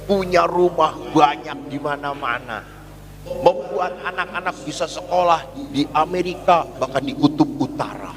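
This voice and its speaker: Priest preaching in an echoey church. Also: male voice, a little high, animated, crowd noise. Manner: storytelling with acted dialogue, slow hushed emphasis. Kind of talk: sermon. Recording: reverberant church hall with congregation. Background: congregation.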